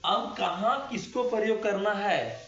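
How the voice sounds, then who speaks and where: A man with a fairly high voice teaches a classroom-style grammar lesson at an unhurried pace. He keeps posing questions and answering them himself, and he stretches words out when he spells them. The sound is roomy and a little dull, like a lo-fi recording. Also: a bit bright. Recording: echoey room, dull lo-fi sound.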